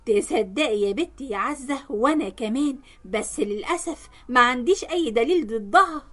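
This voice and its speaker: A woman's voice: a little high, animated, fairly quick, fairly bright tone. A woman voicing a scheming, greedy older Egyptian mother-in-law who cries out indignantly. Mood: complaining. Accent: Egyptian Arabic.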